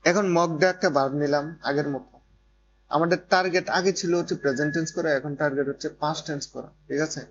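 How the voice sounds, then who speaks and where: Talking fast in a steady, slightly high voice, a man teaches Korean grammar, going over points again and checking that his students understand. A faint hum and noise sit under the dull, lo-fi audio.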